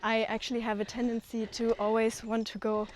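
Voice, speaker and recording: A woman community manager chatting casually on a walking tour outdoors, a little out of breath, pausing with ums and laughing easily. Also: fairly high pitch. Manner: relaxed, pauses with frequent ums, laughs easily. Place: outdoors on hilly open land.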